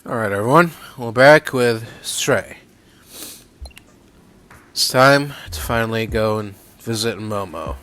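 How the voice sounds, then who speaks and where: A man's voice: lowish voice, slow pace, pauses often, fairly bright tone. A man giving easygoing, chatty let's-play commentary, swearing casually as he plays. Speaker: gaming YouTuber.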